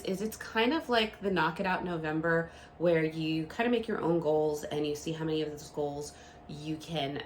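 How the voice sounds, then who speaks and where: The woman's pitch is fairly low, and there's a little hiss or hum. She's a late-thirties book channel host with a stuffed-up, nasal cold, talking casually to camera in a chatty manner marked by frequent ums and rambling restarts.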